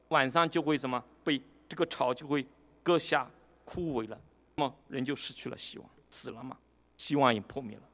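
A man's voice: high-pitched, fairly bright tone. A man preaching a sermon, explaining scripture verses and putting rhetorical questions to his listeners. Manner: reads scripture verses slowly and deliberately.

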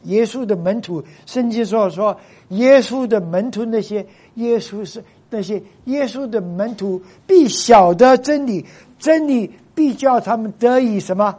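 A man's voice: high voice, unhurried, dark tone, slightly rough. A male pastor preaching a sermon to his congregation. He stresses points by repeating himself and often drops English phrases into his Chinese.

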